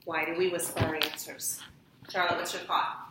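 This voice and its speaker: A woman's voice: lowish voice, level tone, normal speed, heavy background noise. A woman teacher giving patient classroom instructions, prompting her pupils with questions. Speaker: elementary school teacher. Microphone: distant room mic. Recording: echoey classroom from far off.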